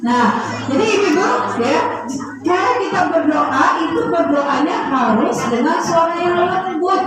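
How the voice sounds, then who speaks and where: A woman preacher giving a lively sermon to elderly women, often calling out to her listeners and acting out prayers softly. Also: very high voice, measured pace, a crowd in the background. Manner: acts out prayers in a soft hushed voice. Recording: very echoey hall, audience murmur.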